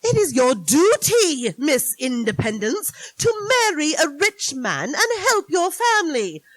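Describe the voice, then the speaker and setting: A woman's voice: high-pitched, very animated, unhurried, no echo, poor audio. A woman acting an imperious, scolding rich old aunt in a 1940s-style radio drama, haughty and scornful. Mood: stern scolding. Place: live stage in a theater.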